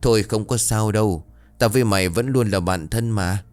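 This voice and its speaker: A sad, gentle village boy in a spoken ghost story, softly taking leave of his friend, voiced by a male narrator. The voice stays low and unforced, with faint music in the background. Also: moderate pace, close to an everyday voice. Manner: quiet, gentle.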